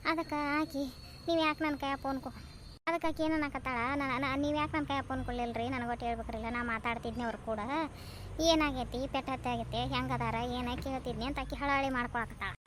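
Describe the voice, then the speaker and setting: A woman playing a fussy, talkative village mother-in-law in a cartoon, speaking with a North Karnataka Kannada accent. Her voice sits high and sing-song. She talks in long, soothing runs. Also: fairly even intonation, fast, noisy background, close to an everyday voice. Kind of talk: cartoon voice acting.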